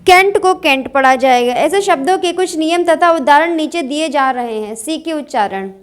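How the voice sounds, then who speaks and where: Woman teacher w a high voice, going through pronunciation rules step by step, quizzing and answering herself. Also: expressive, normal speed. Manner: explains step by step, asks and answers her own questions. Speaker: English teacher. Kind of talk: Hindi-medium pronunciation lesson.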